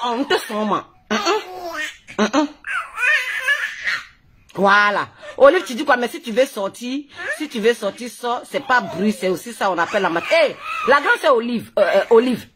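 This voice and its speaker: A woman with an Ivorian French accent and a fairly high voice is heard over background noise. As a blogger on a Facebook live stream, she delivers a heated rant into her phone, full of mockery, scolding and laughter.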